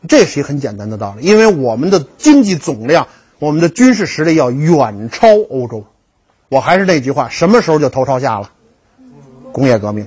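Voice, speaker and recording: A man's voice: on the high side, a little mellow, husky. A man giving a history lecture to a class, telling stories with jokes and acting out the dialogues. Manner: storytelling, jokey, acts out dialogues.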